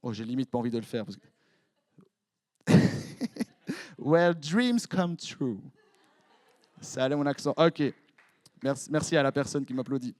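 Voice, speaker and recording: A young man with a Swiss French accent, preaching as a youth pastor in a lively, joking way, quizzing his congregation. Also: medium pitch, no echo. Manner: playful, jokey, quick asides to the crowd. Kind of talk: lively sermon with audience interaction. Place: church hall before a congregation.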